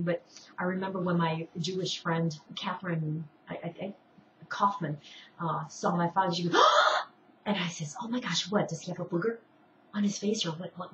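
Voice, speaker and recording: A woman's voice: medium pitch, a little hiss or hum. A middle-aged woman from Indiana hosts an online show and wanders through personal stories, restarting and circling back often. She sits well back from the mic in an echoey room, and the sound is dull and muffled. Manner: rambling, many restarts and asides. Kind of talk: casual personal storytelling. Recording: distant, roomy, dull home recording.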